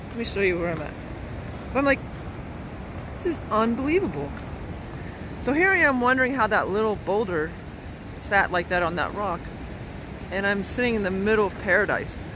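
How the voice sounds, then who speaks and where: A middle-aged woman vlogging casually to a phone held at arm's length on a mountain trail, chatty and wondering aloud. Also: medium pitch. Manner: chatty and wondering, with fillers and laughs. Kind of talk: casual vlog to camera. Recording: outdoor phone audio with clear background noise.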